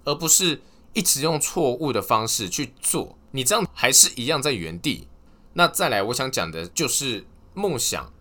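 A man talks alone on his podcast, his pitch jumping up and down a lot. His voice is bright and forward. He moves from sincere advice to corny jokes that he laughs at himself. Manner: earnest advice, then telling corny jokes and laughing at them. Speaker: podcast host. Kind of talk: casual solo podcast talk.

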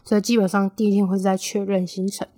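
Clean studio audio with no echo captures a twenty-year-old woman chatting casually on her own podcast. She talks fast in a mid-range voice with a Taiwanese Mandarin accent, chatty throughout and lively when repeating what friends said.

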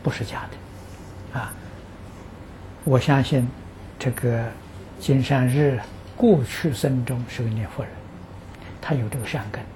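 A man, a Buddhist teacher answering practitioners' questions, giving an unhurried dharma talk. He speaks earnestly and fills his pauses with drawn-out "ah" sounds. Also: mid-range voice, mellow, slight background noise. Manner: peppers speech with drawn-out "ah" fillers; earnest, stresses that the account is true.

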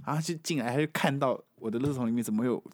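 A man's voice: mid-range voice, very fast, no room sound, clean studio sound. A man asking blunt, teasing questions and telling stories in casual chat.

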